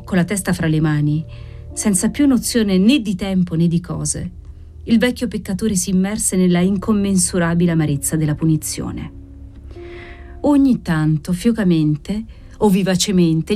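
Audiobook narrator, woman, mellow and expressive, soft music bed. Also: lowish voice. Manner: expressive, dramatic reading.

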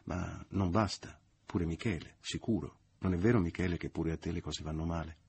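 A man's voice: low voice, moderate pace, creaky, husky, exaggerated voice. A man reading aloud, voicing a jovial, falsely good-natured man who teases his hosts at dinner. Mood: triumphant. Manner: loud and mocking.

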